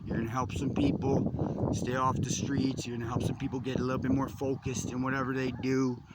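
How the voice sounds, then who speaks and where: A man's voice: mid-range voice, completely flat delivery, fairly quick, very noisy. A man rambling in a vlog, agitated, swearing often and jumping between thoughts, recorded outdoors on a phone. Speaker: vlogger. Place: outdoors in a yard.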